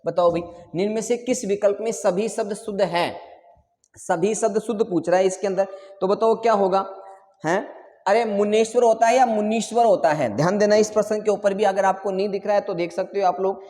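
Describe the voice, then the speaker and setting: A man's voice: sits high, fairly even intonation, brisk, dark tone. Man drilling students with echoing voice. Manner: drills answers, repeats and quizzes students. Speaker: teacher. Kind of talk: online exam-prep lesson.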